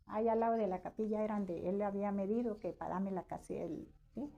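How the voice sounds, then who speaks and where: A woman's voice: medium pitch, fairly even intonation, a little fast, vocal fry, dark tone, dull audio. A woman telling family stories in an interview, animatedly acting out her relatives' voices as she quotes them. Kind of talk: personal storytelling.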